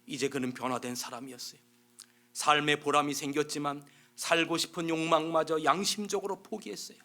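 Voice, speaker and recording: High, bright-voiced male preacher. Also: fairly even intonation, fairly quick. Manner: dramatic storytelling, drops soft for emphasis. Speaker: pastor. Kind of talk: sermon.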